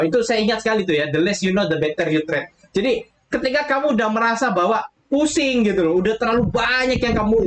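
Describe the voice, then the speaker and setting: A trading educator with a high voice gives viewers a casual lecture, chatty in manner, repeatedly saying "gitu loh" and acting out quotes. He's in an echoey room with faint background noise.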